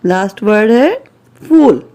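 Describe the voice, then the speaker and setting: Woman schoolteacher, very slow, warm mellow tone. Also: medium pitch, expressive. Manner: patient, slow and deliberate, reading out words one at a time. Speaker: teacher. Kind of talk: slow classroom exercise walkthrough.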